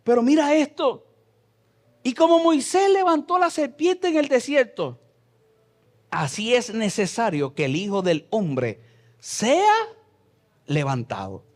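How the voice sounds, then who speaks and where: A Puerto Rican man preaching a sermon as pastor, reading scripture and swinging between loud passages and soft asides in a church. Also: extremely high pitch, sing-song, takes it slowly, long pauses. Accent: Puerto Rican Spanish. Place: church sanctuary.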